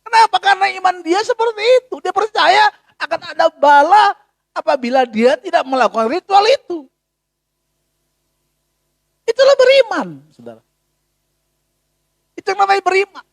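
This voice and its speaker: A pastor preaching a sermon in a casual, animated way, full of rhetorical questions. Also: male voice, extremely high pitch, normal speed, vocal fry, long pauses, no echo, studio quality.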